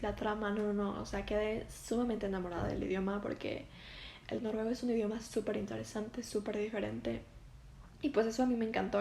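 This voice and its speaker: Chatty Mexican woman with a gravelly voice. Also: a little high, a little mellow, slight background noise. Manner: chatty, full of filler words. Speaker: podcast host. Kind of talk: casual podcast monologue. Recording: roomy echo.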